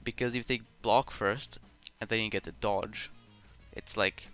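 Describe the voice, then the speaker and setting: A man co-hosting a casual podcast over a voice call, relaxed and a little hesitant, his failing headset making the audio choppy. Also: lowish voice, unhurried, clear, resonant tone, soft background music. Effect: glitchy choppy internet audio. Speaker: podcast co-host. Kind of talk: casual chat about a board game.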